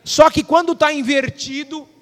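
A man's voice: very high-pitched, steady tone, normal speed, fairly bright tone, long reverb tail. A male pastor preaching a sermon, calling questions out to the congregation.

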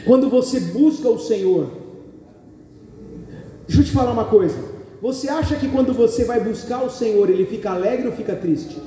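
Brazilian male pastor, high-pitched and warm, sermon with jokes and call-and-response, roomy hall sound from a distance. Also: moderate pace, a little hiss or hum. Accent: Brazilian Portuguese. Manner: preaching with audience call-and-response, joking asides. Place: church hall. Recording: echoey hall, picked up from far.

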